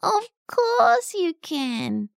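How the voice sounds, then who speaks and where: A woman voicing a cheery little caterpillar with a squeaky, sing-song and delighted manner, in a children's story. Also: sing-song, drawn-out words, vocal fry, dry recording, studio quality, heavily acted.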